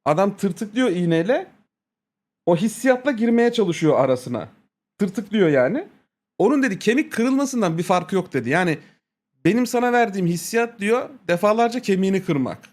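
A man's voice: high voice, lively intonation, normal speed, darkish tone. A man streaming, telling a crude, profane story in casual chat, laughing often and quoting people with repeated "he said".

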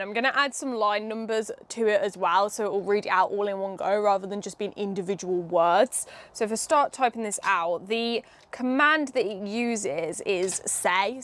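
A young woman hosting a casual hands-on demo, chatting and explaining each step with a few fillers. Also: mid-range voice. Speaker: host.

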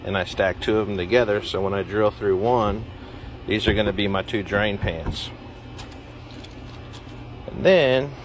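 Male DIY vlogger, deep voice, easygoing rambling delivery, outdoor phone recording with steady background noise. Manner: relaxed, plain-spoken, rambling with fillers. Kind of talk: casual how-to explanation. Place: outdoors in a yard.

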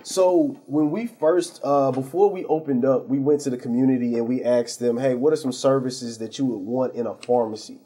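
A man speaks as a guest on a local TV talk show, explaining things earnestly with many fillers and restarts. His voice is dark and a little husky. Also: mid-range voice, steady tone, moderate pace, hardly any pauses. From St. Louis area. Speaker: pharmacy owner, guest. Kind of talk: TV interview.

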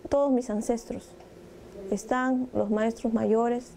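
A young woman, a scissors dancer, speaking in an interview in a thoughtful, halting way with many fillers, recorded indoors on a lapel mic. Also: on the high side, fairly even intonation, vocal fry, mellow. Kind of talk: interview testimony. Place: indoor room with instruments.

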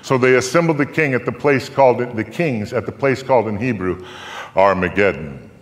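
Before a live theatre audience, an older man animatedly performs a dramatic recitation of scripture, solemn, deliberate, and emphatic, rising from a hush to a boom. The echoey hall adds a long reverb to the recording.

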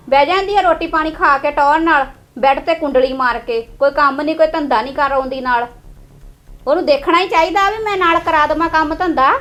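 A woman playing a sharp-tongued wife who scolds her husband sarcastically. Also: sits high, reverberant. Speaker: nagging wife in a family drama.

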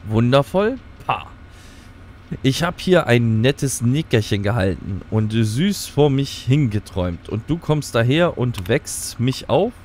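A man voicing a grumpy, squeaky stuffed toy mouse in a storybook read from a game, grumbling indignantly. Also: big pitch swings, slow, darkish tone, a little hiss or hum.

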